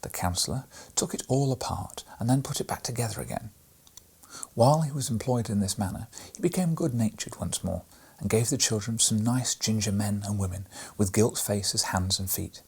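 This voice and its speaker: With a voice on the low side and a moderate pace, a man softly reads a classic children's tale as a bedtime audiobook. He often slips into a breathy whisper.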